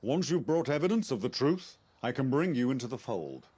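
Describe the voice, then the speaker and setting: A man playing a composed knightly officer in a game, speaking formally and deliberately as he recruits and instructs. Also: mid-range voice, sing-song, a little mellow, husky. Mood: earnest, authoritative. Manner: formal, measured, articulate. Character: measured Arthurian knight-officer recruiting an outsider to investigate. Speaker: quest-giving game character. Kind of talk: scripted game dialogue.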